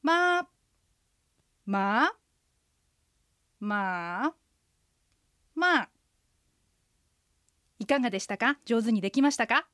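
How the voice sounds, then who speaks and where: A woman, an interpreter guide, co-hosting a radio language lesson and leading the listeners through patient, clear pronunciation drills. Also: a little high, racing, few pauses, dry recording, studio quality.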